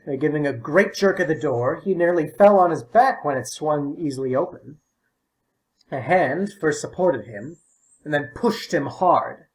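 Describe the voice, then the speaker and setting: A man narrating a short story in a measured, plain reading style. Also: a little high, animated, low-quality recording. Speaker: audiobook narrator.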